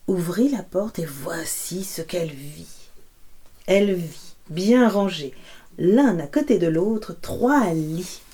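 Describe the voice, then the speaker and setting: A woman storyteller reading a fairy tale aloud in an expressive, playful way. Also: lowish voice.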